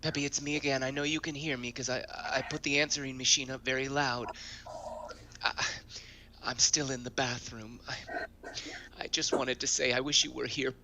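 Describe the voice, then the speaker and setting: An actor playing a timid man who sneaks off to whisper to his pet parakeet, hushed and stammering, in an improv comedy scene. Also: mid-range voice, level tone, normal speed, slight background noise. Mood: sheepish whispering.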